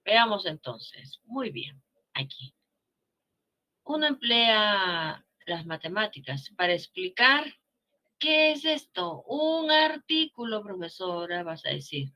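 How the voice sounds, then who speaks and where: A woman's voice: mid-range voice, big pitch swings, takes it slowly, highs cut off. A woman teacher with a Peruvian Spanish accent giving a grammar lesson, coaxing students along with frequent check-in questions.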